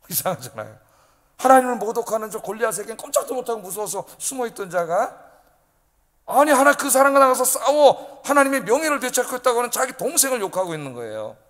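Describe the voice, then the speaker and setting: A male pastor delivering a midweek sermon, emphatic and animated, often prodding the congregation with rhetorical questions. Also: very high voice, fairly quick, big-room sound. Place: church sanctuary.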